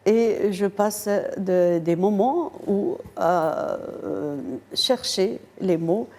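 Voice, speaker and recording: An older woman from Morocco, a guest poet in a TV studio interview, speaking softly and hesitantly with many pauses. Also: medium pitch, lively intonation. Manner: slow, soft-spoken, hesitant with many pauses.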